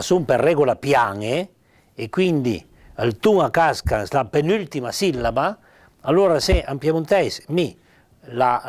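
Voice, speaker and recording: A man with a Piedmontese accent giving an informal spoken lesson on spelling. He is patient, says sample words slowly and more than once, and uses frequent fillers. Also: fairly high pitch. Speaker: writer explaining spelling.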